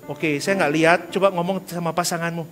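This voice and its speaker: A male pastor giving a lively sermon in church, joking with the congregation and calling for responses, dropping in English words. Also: a little high, fairly quick, faint music behind. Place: church service before a congregation.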